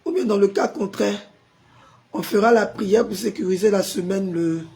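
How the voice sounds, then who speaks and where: A pastor hosting a live stream, hoarse from a sore throat and forcing his voice out as he chats with viewers and answers their comments. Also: sits high, normal speed, warm tone. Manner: chatty, greets viewers by name and answers comments.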